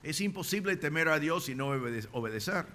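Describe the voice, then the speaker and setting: A man's voice: on the high side, animated, brisk, bright, forceful tone. A man preaching a sermon as pastor, emphatic, with rising bursts and rhetorical questions. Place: church.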